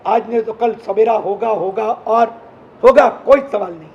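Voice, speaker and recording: High-voiced man preaching a sermon. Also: moderate pace, muffled recording. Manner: emphatic, acts out the people in his stories. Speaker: Jain monk preacher. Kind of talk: sermon with storytelling.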